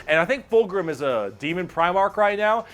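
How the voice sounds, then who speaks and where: A man's voice: high voice, expressive, a little fast, over a noisy crowd. A man streaming, casually explaining game lore in a loose, profane way and reading chat messages aloud.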